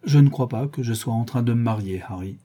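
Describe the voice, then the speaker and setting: A man's voice: medium pitch, brisk, dark tone, slightly rough, lightly acted. A man voicing an earnest, lovestruck young dandy in an audiobook reading.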